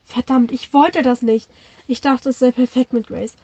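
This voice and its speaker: A woman's voice: sits high, fairly even intonation, moderate pace, mellow, no echo, dull audio. A woman reading an angry young man's lines. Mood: angry pleading. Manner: reading in her own voice, no voice change. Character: heated young man confronting his friend.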